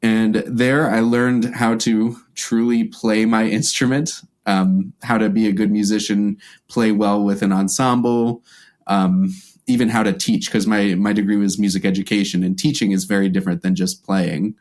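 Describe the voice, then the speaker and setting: In a lowish, level, slightly mellow voice at a moderate pace, this American violinist and music teacher talks as a podcast guest. He casually tells the interviewer about his background.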